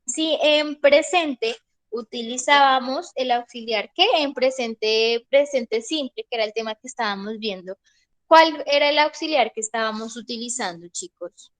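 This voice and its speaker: A woman's voice: a little high, a little slow, fairly bright tone. A young woman teaching an online English class, patiently checking in with her students. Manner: patient, checks in with "¿listo?" often.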